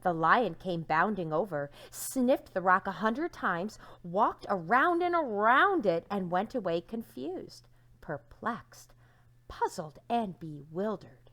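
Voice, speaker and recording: A woman teacher reading a storybook aloud to young children, with dramatic emphasis and hushed endings to her phrases. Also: medium pitch, lively intonation, slow.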